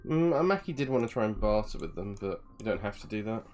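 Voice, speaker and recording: A man's voice: lowish voice, expressive, fast talker, darkish tone, soft background music. A man playing a tabletop game, chatting casually. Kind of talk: casual chat.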